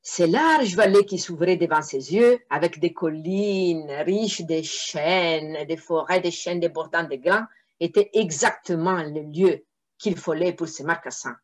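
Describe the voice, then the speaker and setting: A woman reading a fairy tale aloud for children, often pausing to explain words to her listeners. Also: lowish voice. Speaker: storyteller.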